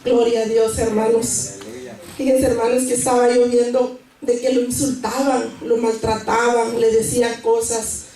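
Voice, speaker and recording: A woman's voice: fairly high pitch, flat delivery, unhurried, mellow, far from the mic. A woman preaching at church, nervous and earnest, often restarting her sentences as she reads scripture. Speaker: church member giving a sermon. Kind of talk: church sermon with Bible reading. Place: church sanctuary. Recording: echoey church hall recorded from afar.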